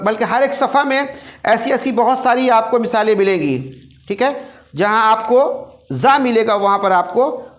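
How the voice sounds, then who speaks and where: A male recitation teacher giving a classroom lecture, repeating each rule and quizzing his students. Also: high voice. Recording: roomy echo.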